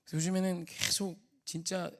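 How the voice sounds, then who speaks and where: A male pastor preaching with a high, ringing, bright voice. He climbs to shouted, far-carrying peaks, then drops to hushed, almost whispered asides. Heard in a worship hall. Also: flat delivery, a little fast. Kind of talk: sermon.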